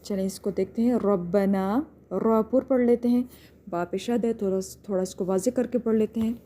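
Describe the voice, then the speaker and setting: A woman's voice: on the high side, steady tone, warm tone. A woman teaching a tajweed lesson, patiently explaining each step and drawing out words as she recites.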